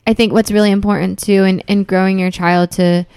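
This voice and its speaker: A woman's voice: medium pitch, flat delivery, a little fast, darkish tone, clean tone, no room sound, studio quality. A woman co-hosting a casual podcast, mostly affirming others with short replies. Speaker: podcast co-host.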